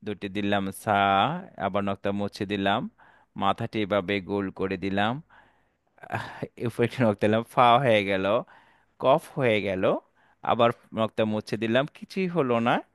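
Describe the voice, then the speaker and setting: A male Quran teacher giving an online alphabet lesson, drawing out each letter slowly and asking viewers to repeat after him. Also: on the low side, clear, resonant tone, no echo, clean studio sound. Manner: slow, drawn-out letter recitation for viewers to repeat; patient, repetitive teaching.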